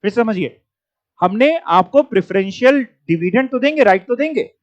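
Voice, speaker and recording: A male teacher giving a lecture who reads English definitions slowly and then explains them in Hindi, asking his class quick questions. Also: sits high, lively intonation. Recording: dull lo-fi recording.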